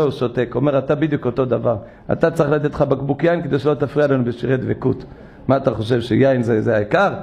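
A man's voice: mid-range voice, vocal fry. A man, a rabbi, giving a sermon in a synagogue, telling stories and voicing the people in them. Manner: animated storytelling, acting out voices; rises to loud exhortation.

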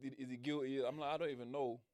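A young man, co-hosting a casual chat show and telling animated stories. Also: fast talker, no echo, clean studio sound. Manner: animated storyteller, jumps pitch when acting out others. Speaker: podcast co-host.

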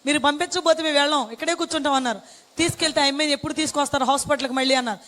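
Brief: very high-pitched, fast-talking woman, tearful dramatic testimony. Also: fairly bright tone, long reverb tail, a little hiss or hum. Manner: tearful, dramatic retelling with quoted dialogue. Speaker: testimony speaker. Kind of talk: emotional personal testimony.

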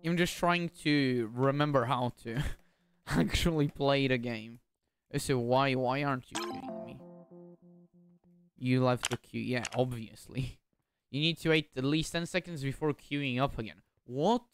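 A young Bulgarian man streams while playing a game, offering casual commentary in a mid-range voice at a slightly slow pace. He often repeats words and asks himself puzzled questions, with soft music in the background.

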